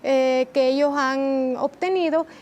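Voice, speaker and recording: A woman, answering as a guest in a TV interview in a measured, explanatory way. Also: sits high, steady tone, darkish tone, lo-fi sound. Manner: measured, explanatory, with frequent rhetorical tag questions. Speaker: interview guest, training head.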